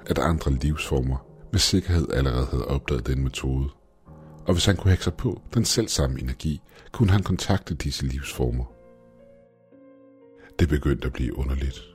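A man narrating a scripted first-person story in a steady, measured way. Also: a bass voice.

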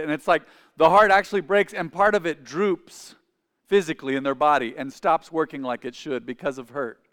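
This man in his forties has a high, slightly bright, smooth voice as he preaches a sermon in a church sanctuary. He leads the congregation in repeating his phrases, and the big hall gives a long reverb.

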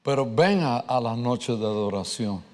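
A man preaching a sermon, telling a personal story with animated delivery and slipping in English words. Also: mid-range voice, normal speed, heavy background noise. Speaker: pastor. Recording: reverberant hall.

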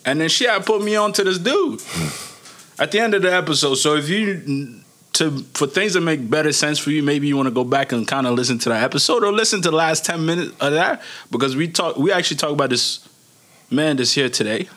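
A man's voice: a little high, animated, fairly quick, fairly bright tone. A man from Niger hosting a podcast in an informal, slangy way, chatting with rambling asides. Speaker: podcast host. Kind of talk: casual chat.

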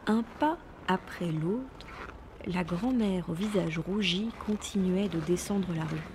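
Mellow-voiced woman reading a storybook. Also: lowish voice, slow, slight background noise. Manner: lively, playful sound words. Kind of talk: storybook narration.

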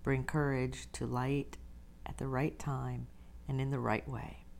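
Slow, low-voiced woman guiding a meditation. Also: little pitch movement, vocal fry, slight background noise. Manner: gentle, unhurried, with long pauses between short phrases. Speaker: podcast host, meditation guide. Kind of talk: guided meditation, slow soothing narration like a sleep story.

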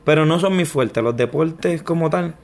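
Puerto Rican man telling his story haltingly. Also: a little high, gravelly. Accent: Puerto Rican Spanish. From Puerto Rico. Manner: reflective, halting, many restarts and fillers. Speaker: interview guest. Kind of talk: personal testimony interview.

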